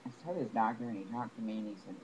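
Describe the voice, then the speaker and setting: A man's voice: on the low side, darkish tone. Aggrieved man rambling over a noisy recording. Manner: rambling, aggrieved, with halting restarts. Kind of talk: personal complaint to camera.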